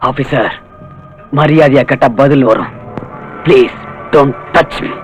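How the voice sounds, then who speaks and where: An actor playing a calm junior male police officer who speaks in measured, pleading tones, over loud film music. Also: mid-range voice, natural voice. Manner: measured, pleading, mixes English.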